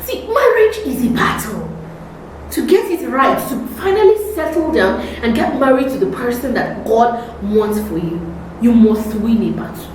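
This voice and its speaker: A woman with a Nigerian accent telling a personal story of faith in an expressive, emphatic way, casually repeating words and acting out dialogue. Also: on the high side, moderate pace. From Ibadan, Nigeria. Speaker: vlogger. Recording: very echoey room, distant mic, faint noise.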